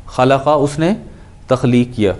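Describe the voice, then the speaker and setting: A male Quran and Arabic grammar teacher gives a lesson at a normal middle pitch with a darkish tone. He explains things step by step, repeats each verb form as he drills it, and mixes English words into his explanations.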